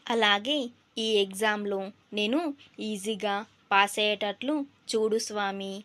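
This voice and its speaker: A woman's voice: medium pitch, fairly even intonation, unhurried, fairly bright tone, lightly acted. Woman voicing an earnest praying student girl. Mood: pleading. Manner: earnest, pleading prayer. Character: young female student praying before an exam.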